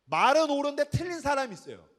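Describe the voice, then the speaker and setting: A man's voice: extremely high pitch, very animated, fast, a bit bright. A man preaching an evening sermon to young adults. He talks in an emphatic, conversational way and keeps asking the audience questions. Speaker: pastor.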